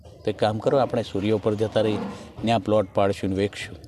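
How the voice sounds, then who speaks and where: A man's voice: fairly low pitch, quick pace, noisy background. A man with a Kathiyawadi Gujarati accent doing stand-up folk comedy, acting out the characters in his jokes. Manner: animated joke-telling, acting out characters' lines.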